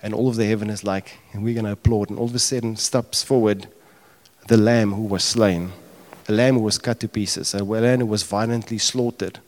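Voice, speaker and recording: A man's voice: on the low side, steady tone, moderate pace. A man preaching a sermon with passion, building to emphatic cries as he retells the scene. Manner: passionate preaching, rising to emphatic cries when voicing prayers. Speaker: pastor. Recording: long reverb of a large hall.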